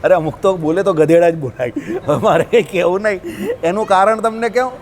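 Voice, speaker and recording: Gujarati man, informal religious teacher, high-pitched, chatty, quizzes his listeners. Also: fairly quick, a little hiss or hum. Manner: conversational, asks listeners questions often. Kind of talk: informal scripture talk to a group.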